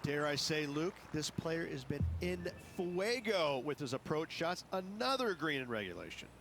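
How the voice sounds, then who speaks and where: A man's voice: on the high side, sing-song, normal speed, noisy background. A man giving golf commentary as an analyst, explaining play in a conversational way.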